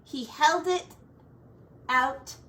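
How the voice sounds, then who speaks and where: This woman teacher has a high, sharp-toned voice and reads very slowly from a rhyming picture book for children. Theatrical throughout, she stretches key words and slips in small asides, heard through a distant mic with roomy echo and faint noise.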